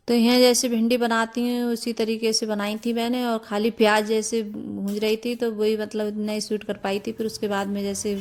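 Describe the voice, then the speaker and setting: A young woman narrating her own home vlog in a casual, unhurried way, with lots of filler words. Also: medium pitch, a little mellow. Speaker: home vlogger.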